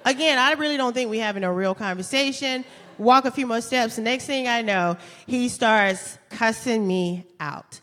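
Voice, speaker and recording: Woman storyteller, lively and laughing, recorded live in a reverberant hall. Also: on the high side, moderate pace. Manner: animated, laughing, comic asides. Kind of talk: live true-story telling.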